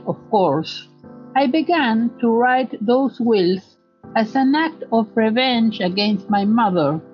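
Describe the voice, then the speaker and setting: A woman in her seventies from Argentina with an Argentine Spanish accent, telling a personal story in a reflective way with occasional hesitations. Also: fairly high pitch. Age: 70s. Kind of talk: personal recollection. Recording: dull lo-fi recording.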